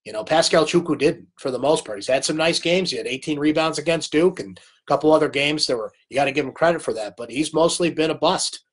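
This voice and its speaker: His voice sits fairly high and moves quickly, with almost no pauses. Chatty and full of opinions, he runs a casual live sports recap stream, reading out viewer comments and responding as he loses his voice to a cold.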